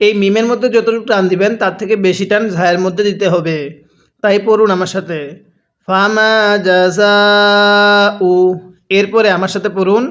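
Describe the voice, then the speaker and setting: A man teaching Quran reading step by step, who has his learners repeat after him and draws the recited words out slowly. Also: high voice, steady tone.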